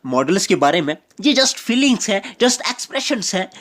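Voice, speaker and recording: A man from Jammu and Kashmir, a teacher giving an explanatory grammar lecture and repeating each point slowly with English examples. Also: high-pitched, sing-song, fairly bright tone.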